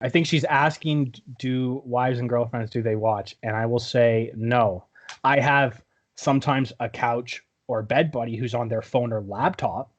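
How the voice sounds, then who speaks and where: A man's voice: medium pitch, fairly even intonation, measured pace. A man with a mid-range voice co-hosts a casual sports podcast. He gives blunt opinions, swears often and leans on the filler "like". His talk is loose and conversational. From Canada. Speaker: podcast co-host.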